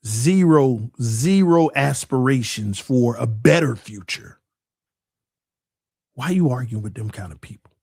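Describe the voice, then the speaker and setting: An earnest sports podcast host in his forties preaches at the mic in an unhurried, husky, darkish mid-range voice with lively intonation. His casual monologue grows repetitive and swells into emphatic sermonizing, captured in a dry, clean studio recording.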